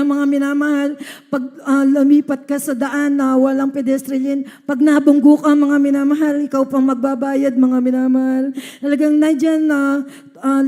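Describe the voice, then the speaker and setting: High-voiced woman giving earnest church testimony. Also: warm tone. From Philippines. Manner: earnest, addresses listeners often as beloved. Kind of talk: religious testimony to a congregation.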